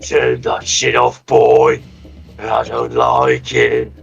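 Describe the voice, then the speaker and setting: A man voicing a surly, battle-loving barbarian in a tabletop game, speaking in a slow, curt, menacing way. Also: extremely low pitch, big pitch swings, gravelly, dull audio, faint music behind, pitched below the performer's own voice, heavily acted. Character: gruff surly barbarian tavern-goer who loves battle. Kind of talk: tabletop game role-play.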